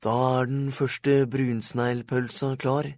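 A cheeky boy with a lifted, lighter voice, calm and sure of himself, as a man reads him. The recording is close and dry. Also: fairly high pitch, no room sound, voice pushed up, lightly acted. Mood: reassuring. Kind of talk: audiobook character voice.

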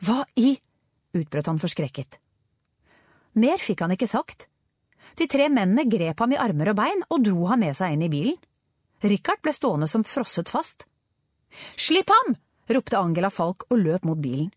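A woman narrating a children's adventure story with expressive storytelling. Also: mid-range voice, no echo, clean studio sound. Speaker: audiobook narrator. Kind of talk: scripted narration.

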